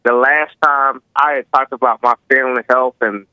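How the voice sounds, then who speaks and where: A man calling in to a talk show, speaking casually and haltingly with slightly slurred words and slushy s sounds. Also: medium pitch, steady tone, sharp tone, dry recording. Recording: narrow tinny phone line.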